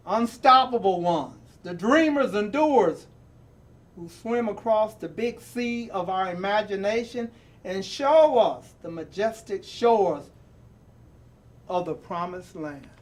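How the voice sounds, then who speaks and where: As a presenter reading a storybook, this high-voiced man goes slowly through a picture book with lively intonation, breaking off for personal asides. His delivery is deliberate and emphatic, full of repeated phrases and dramatic pauses.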